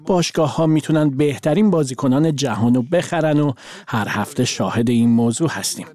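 Male voice-over interpreter, measured. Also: medium pitch, dark tone. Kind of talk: voice-over translation.

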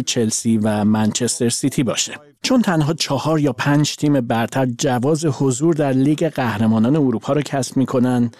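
A man voicing a translation over a guest's words, with a measured, even delivery. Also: medium pitch, no room sound. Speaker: voice-over interpreter.

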